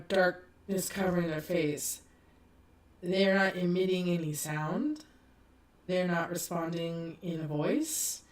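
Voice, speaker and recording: A woman narrating as game master of a tabletop horror game, slow and halting with many restarts. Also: lowish voice.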